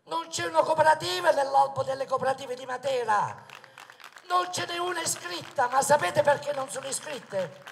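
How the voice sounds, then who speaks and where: Political candidate, booming campaign oratory, creaky gravel in the voice, long outdoor reverb. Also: lively intonation, normal speed, some chatter behind. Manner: booming oratory with emphatic rhetorical questions. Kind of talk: campaign rally speech from a stage. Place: outdoor stage in a town square. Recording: echoey public square with long reverb.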